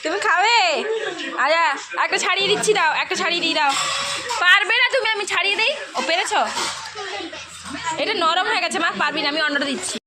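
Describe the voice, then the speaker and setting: A woman's voice: very high-pitched, fast. Chatty woman vlogging at home, noisy. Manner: chatty, talks to a small child, often laughing. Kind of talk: casual family vlog chat. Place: family home, kitchen and living room. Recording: noisy home phone recording.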